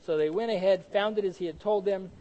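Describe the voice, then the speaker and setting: A man preaching a Bible study sermon, animated and conversational, often asking the congregation questions and answering them himself. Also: high-pitched, fast talker, low-quality recording. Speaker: pastor teaching Bible study.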